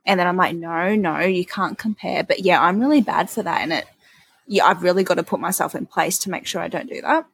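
Husky young mum chatting frankly. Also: female voice, fairly low pitch, a little fast, no room sound. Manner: frank, emphatic, swears casually. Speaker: podcast co-host. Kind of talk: casual chat.

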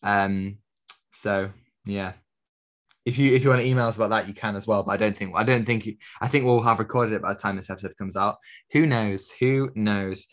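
A man's voice: lowish voice, steady tone, a little fast. Rambling young man hosting. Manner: rambling, self-correcting, wrapping up the episode. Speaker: podcast co-host. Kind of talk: casual chat.

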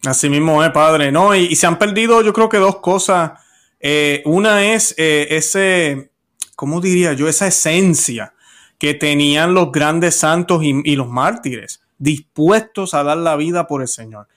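A man interviewing a priest, agreeing and reflecting in a measured, conversational way. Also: fairly high pitch, fairly bright tone.

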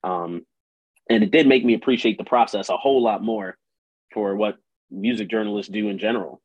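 A man's voice: lowish voice, brisk, breathy edge, no echo. A man talking casually as an interview guest, loose and slangy, leaning on "like" as he goes. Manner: slangy, loose, heavy use of "like". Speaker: interview guest, musician and writer. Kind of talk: casual conversational interview talk. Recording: dull lo-fi close dry audio.

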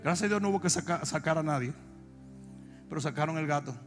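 A Dominican man preaching, telling comic stories and breaking into long shouted cries. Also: on the high side, soft background music. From Dominican Republic. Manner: shifts from shouted, drawn-out preaching to fast, joking anecdotes. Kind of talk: comic sermon storytelling.

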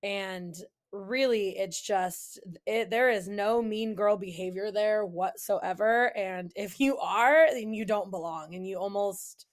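A woman's voice: mid-range voice, slow pace, few pauses. A young adult woman from California hosting a podcast, chatting enthusiastically and agreeing readily with her guest. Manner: enthusiastic, agreeable, warm-hearted gushing. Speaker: podcast host. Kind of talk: casual podcast chat.

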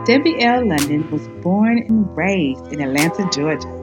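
A woman's voice: on the low side, expressive, moderate pace. Woman announcer reading over prominent music. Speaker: podcast announcer introducing guest. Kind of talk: scripted promotional narration. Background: loud music.

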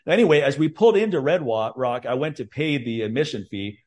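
A man's voice: medium pitch, lively intonation, fairly quick, a little mellow. A man hosting a podcast, talking bluntly and heatedly with a lot of swearing. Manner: blunt, profane, heated storytelling. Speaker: podcast host. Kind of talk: casual podcast chat.

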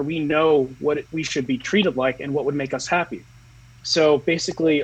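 A man speaking as the founder of a company in a casual interview, earnest, slowing down on key words. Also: on the high side, breathy edge, rough recording.

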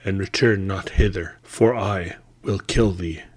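A man's voice: deep voice, unhurried, breathy edge. A man reading the lines of a scheming enchantress queen, barely changing his voice for her.

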